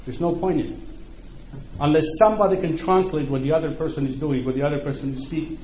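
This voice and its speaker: With a slightly high, slightly mellow voice and a quick pace, a middle-aged man preaches a conversational sermon, often checking in with the congregation. He comes from Poland, speaks with a Polish accent, and his native language is Ukrainian. There's an echo in the room and faint background noise.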